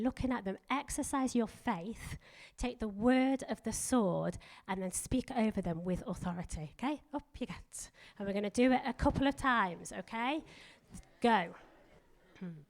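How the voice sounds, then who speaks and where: A middle-aged woman preaching a sermon in a church, emphatic and energetic, leading the congregation in spoken declarations. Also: fairly high pitch. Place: church hall.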